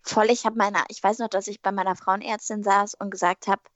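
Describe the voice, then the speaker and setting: A woman actress chatting in an interview, telling animated anecdotes and acting out her own quotes, with frequent tag questions. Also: medium pitch, a little fast, dry recording, muffled recording. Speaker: actress on a TV series. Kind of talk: casual interview chat.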